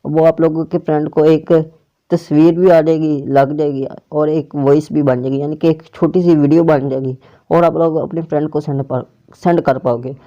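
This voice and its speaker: This casual app tutorial comes from a host with a fairly high, mellow voice, little pitch movement and a moderate pace. He takes it step by step, repeating and rephrasing instructions often, captured on a dull, muffled, lo-fi clip-on or plugged-in mic.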